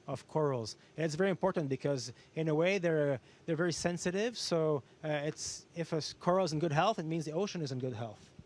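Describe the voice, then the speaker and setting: A man with a fairly high-pitched voice speaks as an astronaut fielding questions. He explains things in simple terms, reaching for everyday comparisons in an educational style. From Canada. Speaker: astronaut guest answering students. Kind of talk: educational question-and-answer talk.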